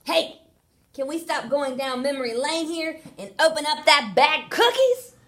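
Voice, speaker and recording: A woman's voice: high voice, lively intonation, normal speed, fairly bright tone. A woman voicing a pushy, greedy talking sweet tooth that whines and demands candy in a storybook reading. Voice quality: whiny, demanding, impatient. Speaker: teacher.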